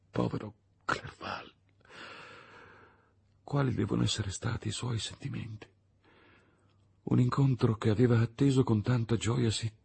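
A man narrating an audiobook in a theatrical way, dropping to hushed whispers and rising to loud outbursts. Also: medium pitch, creaky, slightly rough. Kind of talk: dramatic audiobook reading.

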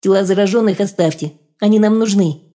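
An eerie mutant infant speaks in a thin, piping squeak, far above normal speech, and stays flat and detached as a man voices it. The tone is mellow and soft-edged. Its short lines sound cold and distant. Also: brisk, close to an everyday voice. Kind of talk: audiobook character voice.

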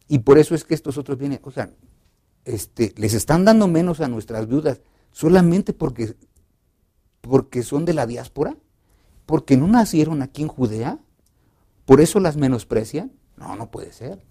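A male pastor explaining a Bible study lesson in a lively conversational way, acting out short dialogues. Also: fairly high pitch, a little slow, long pauses, breathy edge. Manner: expressive teacher, acts out dialogue, many restarts.

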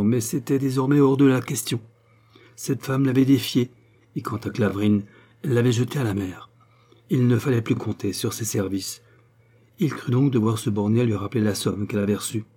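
A man reading a novel aloud in a steady, measured narration. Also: mid-range voice, breathy edge. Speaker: audiobook narrator.

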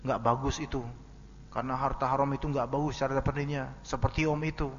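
A man's voice: medium pitch, fast talker, slight background noise. A man giving a casual, joking religious lecture and answering questions in a colloquial way. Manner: lively, joking, colloquial, with acted-out dialogue. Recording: dull lo-fi audio with long hall reverb.

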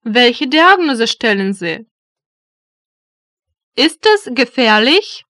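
Each short German phrase is read twice, spaced out and deliberate, by a woman teaching learners through slow drills in a German language teacher voice. She sounds high and bright, her pitch rising and falling lively, and the close, dry recording has no echo.

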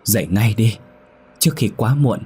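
The ghost of an old grandmother urgently pleading with her granddaughter to wake up, read by a male storyteller. The voice stays low and a little husky. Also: expressive, moderate pace, dark tone. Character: dead grandmother's ghost warning from a dream.

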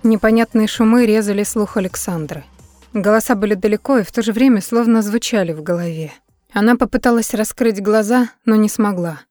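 A woman's voice: medium pitch, a little fast, darkish tone, dry recording, soft background music. Woman narrating a dramatic audiobook.

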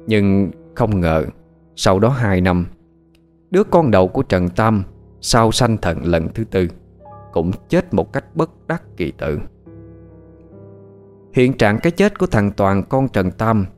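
A man narrating a scripted horror story with lively, dramatic delivery. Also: lowish voice. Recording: faint music behind.

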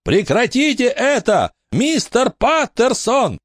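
A man voicing a frightened but determined boy who urgently shouts commands at a restless spirit. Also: on the high side, wildly swooping pitch, slow, no echo, clean studio sound, pitched above the performer's own voice, full character voice. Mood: urgent shouting.

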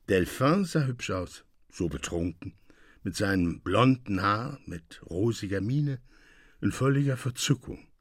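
Male storyteller for a radio reading, measured and expressive, dry studio mic. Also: mid-range voice, no room sound. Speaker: audiobook reader. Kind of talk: literary narration.

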